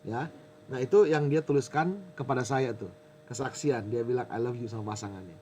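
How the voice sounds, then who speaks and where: A man preaching as a pastor in a lively sermon, bantering with the audience and reading a letter aloud. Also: mid-range voice, brisk, slight background noise.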